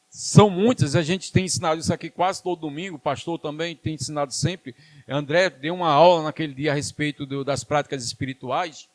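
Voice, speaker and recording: A man's voice: a little high, no room sound. A man with a Brazilian Portuguese accent preaching a sermon in church, emphatic and repetitive, calling the congregation to answer back. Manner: emphatic call-and-response preaching, repeating phrases.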